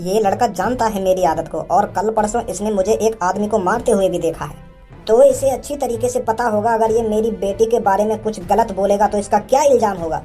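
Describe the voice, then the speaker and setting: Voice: mid-range voice, a little fast, dark tone, faint music behind, lightly acted. A performer voicing a short-tempered village father in a cartoon, mocking and bossy, with a threatening streak. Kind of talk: cartoon voice acting.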